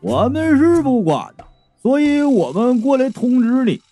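A man's voice: very animated, mellow, no room sound, faint music behind, heavily acted. A man voicing a laid-back, rule-bound male ghost constable in a comic audiobook, drawling his words. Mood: lazy. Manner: drawling, slow and low.

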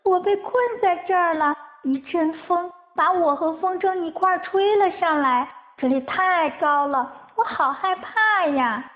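A woman's voice: extremely high pitch, measured pace, hardly any pauses, pitched above the performer's own voice. A woman voicing a tiny, frightened storybook mouse with a shaky, pleading voice, on a tinny phone-like recording.

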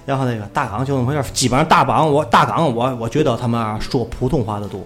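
A male host with a Tianjin accent chats casually over background music. His talk is colloquial and full of local turns of phrase, at a middling male pitch. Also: rapid-fire, a bit bright. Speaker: show host. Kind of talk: casual chat.

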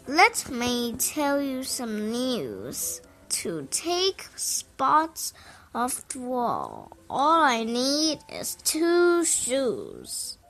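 A woman voicing a playful, boastful male cat in a hat for a read-aloud picture book, drawing out his words in a slow, sing-song way. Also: high-pitched, huge pitch swings, a bit bright, soft background music, pitched above the performer's own voice, exaggerated voice. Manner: slow, drawn-out, sing-song storybook delivery.

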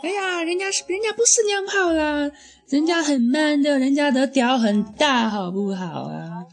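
A man putting on the voice of a boastful, mincing effeminate young man in a coy, drawn-out mocking tone. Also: very high-pitched, animated, pitched above the performer's own voice.

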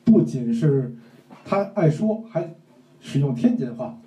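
Animated male crosstalk comedian on stage. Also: a little high, slow, distant mic. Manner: animated storytelling, shifting between narrating and acting out characters. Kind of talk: comic crosstalk routine on stage. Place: stage before a live audience. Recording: roomy live stage recording.

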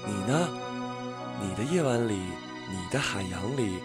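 A man voicing a dazed, gentle young woman asking soft, wondering questions. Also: lowish voice, lively intonation, measured pace, over loud music. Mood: wistful.

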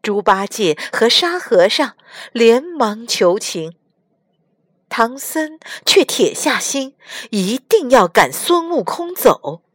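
A woman reading a children's storybook aloud in an expressive, sing-song way, as a storytelling mother. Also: fairly high pitch, takes it slowly, slightly rough, no echo, studio quality.

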